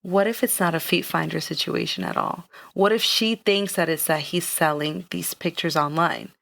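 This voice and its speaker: A woman co-hosting a podcast in casual, animated chat, spinning theories and laughing often. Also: fairly low pitch, normal speed, creaky. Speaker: podcast co-host.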